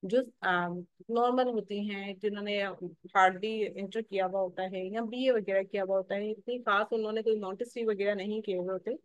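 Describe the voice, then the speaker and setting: A woman with a Pakistani Urdu accent teaching a phonics lesson for teachers, slowly sounding out syllables and often checking in. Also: mid-range voice, steady tone, no echo, muffled recording. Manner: explanatory, checks in with "theek hai" often.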